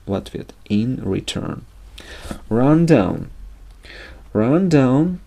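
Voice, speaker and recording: Male language teacher, gravelly and mellow, reads examples and translates. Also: mid-range voice, very animated, extremely slow. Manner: reads English examples then translates them into Russian. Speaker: English teacher. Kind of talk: language lesson narration.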